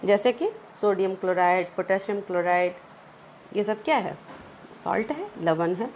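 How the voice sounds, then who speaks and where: A woman's voice: mid-range voice, moderate pace, darkish tone, slight background noise. A woman teaching a science lesson over slides, often checking in with rhetorical questions and mixing English terms into her explanations.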